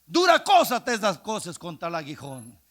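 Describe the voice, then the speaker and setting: A male evangelist preaching a sermon, swinging from hushed speech to impassioned shouting. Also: high-pitched, wildly swooping pitch, moderate pace. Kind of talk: Pentecostal-style sermon.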